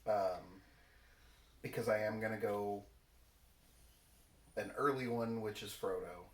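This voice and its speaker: A rather low-pitched male voice in relaxed question-and-answer conversation, picked up from a distance. He rambles informally, stopping and starting as he goes, with noticeable room echo. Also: slow pace. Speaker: co-host of a casual Q&A video. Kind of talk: casual Q&A chat. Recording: roomy echo, distant microphone.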